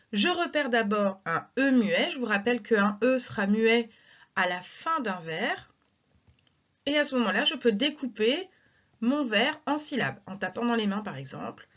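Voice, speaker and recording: A woman teacher going through exercise corrections in a recorded lesson, counting syllables aloud with slow, careful delivery. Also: a little high, a bit bright, highs cut off.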